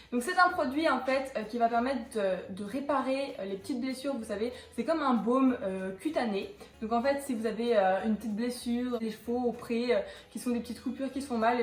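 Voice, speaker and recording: A young woman who vlogs about horses talks casually through a product review, chatty and peppered with hesitations, fillers and restarts. She has a slightly high voice, heard in an echoey room.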